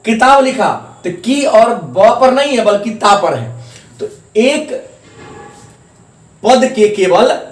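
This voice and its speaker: High-voiced male teacher in an echoey room. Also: animated, slow, long pauses. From India. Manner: repetitive, explaining step by step, stressing syllables. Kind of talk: classroom grammar lesson.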